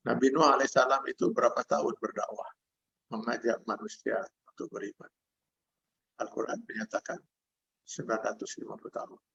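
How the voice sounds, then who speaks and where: A man's voice: medium pitch, a little fast, creaky, fairly bright tone, slightly rough. An older man with an Indonesian accent, preaching a sermon over a video call, reciting Arabic verses and then explaining them. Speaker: Islamic preacher. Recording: dull lo-fi video call audio.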